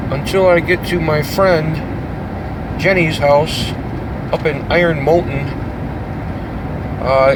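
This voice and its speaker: A middle-aged man talking casually to the camera while driving, rambling from one joke and aside to the next. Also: fairly high pitch. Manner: rambling, jokey, self-interrupting. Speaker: vlogger. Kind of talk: casual road-trip monologue. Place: inside a car on the road at night. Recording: car engine and road noise.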